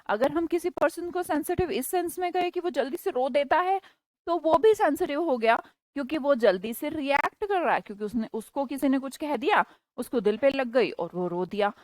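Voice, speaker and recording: A woman teacher with an Indian accent teaching English vocabulary in a live class, explaining patiently, checking often that the students follow, and slowing down for English examples. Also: sits high, a little mellow, dry recording, poor audio.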